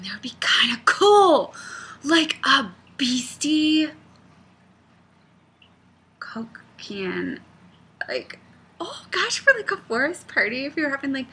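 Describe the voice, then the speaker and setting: A woman's voice: medium pitch, a little hiss or hum, low-quality recording. A woman giving a casual knitting and felting tutorial at home, rambling and chatty, with frequent laughs. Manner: rambling, chatty, goes off on tangents; animated, laughs often. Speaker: knitting pattern designer.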